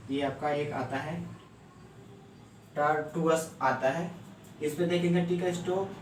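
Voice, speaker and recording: A man teaching a shorthand lesson step by step, often stopping to ask if it is clear. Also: a little high, steady tone, slow pace, noisy background. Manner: explains step by step, keeps checking "clear?". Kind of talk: classroom lecture. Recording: echoey room, mic far off.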